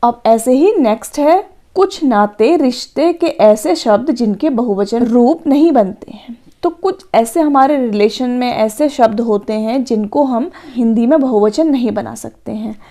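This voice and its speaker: A woman teacher slowly and patiently explaining grammar from a worksheet, step by step. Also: fairly high pitch, dark tone.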